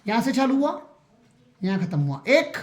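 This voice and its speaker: Very animated and very high-voiced, a man teaches a classroom science lesson at a moderate pace, counting aloud, quizzing pupils, and constantly making sure they understand.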